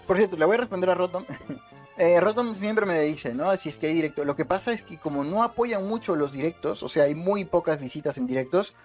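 A man's voice: high voice, fairly quick, a little mellow. A young man in his twenties from Peru, with a Peruvian accent, chatting casually through a game tutorial and often checking in with "right?". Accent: Peruvian Spanish. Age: 20s. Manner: chatty, keeps asking "¿está bien?" and "¿no?". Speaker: gaming YouTuber. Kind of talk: casual gameplay tutorial commentary. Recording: faint music in the background.

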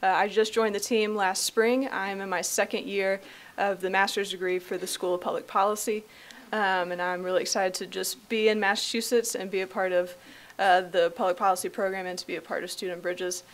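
A woman's voice: mid-range voice, flat delivery, brisk. Eager young woman at a podium. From Tennessee. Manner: enthusiastic, many ums. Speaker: graduate program coordinator. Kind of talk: panel self-introduction. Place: conference room. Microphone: podium microphone.

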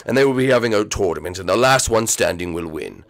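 A man's voice: fairly low pitch, expressive, quick pace, gravelly, fairly bright tone. A man as Petey, a bossy, vain plant boss. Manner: lazy, vain and commanding. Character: bossy giant male plant monster boss.

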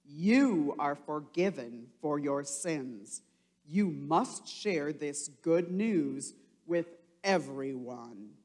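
A woman reading the part of a calm, patient risen Jesus from a children's Bible storybook. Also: deep voice, very slow, full character voice. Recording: long hall reverb.

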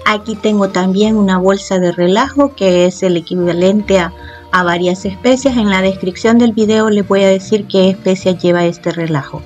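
A woman, the host of a cooking channel, explaining each step of a home recipe calmly and with fond diminutives. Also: medium pitch, normal speed, faint music behind. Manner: calm, explanatory, uses loving diminutives. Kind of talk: step-by-step cooking tutorial voice-over. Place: home kitchen.

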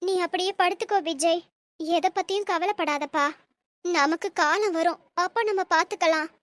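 A woman's voice: extremely high pitch, normal speed, a bit bright, no echo. A woman voicing a stern, possessive middle-aged mother in a storybook drama, scolding and coddling her son. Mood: soothing. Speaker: mother of the young man.

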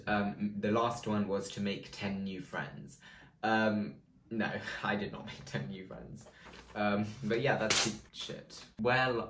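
A teenage boy, a vlogger, chatting casually with lots of ums and likes. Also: fairly low pitch. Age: teens. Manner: chatty, filler-heavy, lots of "um" and "like". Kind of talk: casual vlog talk. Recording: echoey room with faint noise.

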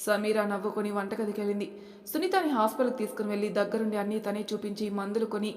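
A woman narrating a family audiobook story as storyteller, brisk and matter-of-fact. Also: mid-range voice, fairly even intonation. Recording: echoey reverberant room.

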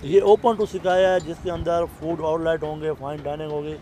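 Higher-voiced Pakistani man explaining property deals. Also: a little fast, a little hiss or hum, poor audio. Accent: Pakistani Urdu. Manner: steady, detailed, businesslike. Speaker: property agent. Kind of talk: explaining details to an interviewer.

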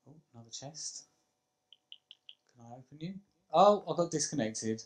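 A man's voice: a little high, expressive, normal speed, poor audio. A young man streaming a video game as a hunter, chatting casually and muttering wryly to himself as he plays. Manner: wry, muttering to himself while playing. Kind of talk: casual gaming chat.

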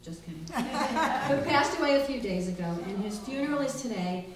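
A middle-aged library director and show host welcomes a live audience in a small indoor library room, joking in a wry, hesitant way. Her voice is high with lively intonation at a normal speed. The recording is very echoey, with a distant mic and faint noise.

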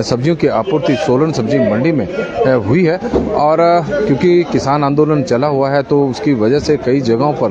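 Man, mid-pitched, live reporter, halting repetitive phrasing, very loud market crowd. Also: highs cut off. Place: open-sided wholesale market at night.

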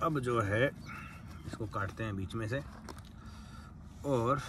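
A man's voice: fairly low pitch, slow, far from the mic. A young man casually chatting with friends and explaining each step as he cooks at a farm campsite. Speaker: vlogger cooking at a campsite. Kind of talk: casual cooking chat with friends. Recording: noisy outdoor phone recording.

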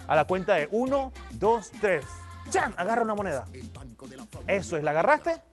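A man's voice: sits high, very animated, moderate pace, soft background music. A man with a Panamanian Spanish accent performing as a children's party magician on a live stream, showy and playful as he cheers on the audience.

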